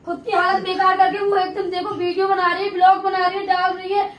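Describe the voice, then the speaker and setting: A woman's voice: very high-pitched, monotone, fast, distant mic, dull audio, slight background noise. A woman accusing her brother's ex-partner in an emotional vlog argument. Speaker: sister. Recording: roomy, from off-mic.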